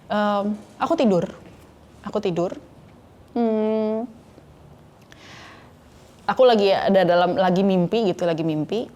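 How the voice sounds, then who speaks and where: A woman's voice: mid-range voice, unhurried, pauses often, mellow, lo-fi sound. A woman in her thirties telling a personal faith story in an interview, earnest, now and then slipping into English phrases. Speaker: guest sharing a faith testimony. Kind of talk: conversational interview testimony.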